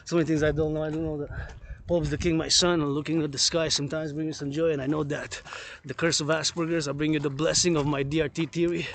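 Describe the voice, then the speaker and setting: A man talks fast with a flat delivery, vocal fry and hardly any pauses, his pitch fairly high. He is out walking among the trees of a park, rambling through a casual vlog and repeating his phrases in a chant-like loop. The outdoor recording is noisy, with clicks.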